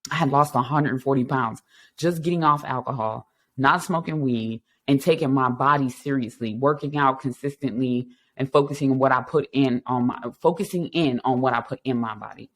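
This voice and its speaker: A man's voice: medium pitch, moderate pace, a bit bright. A man in his thirties hosting a recovery talk show, speaking earnestly and reflectively about his past and encouraging listeners, with frequent ums and restarts. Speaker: podcast host. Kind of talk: personal testimony and encouragement.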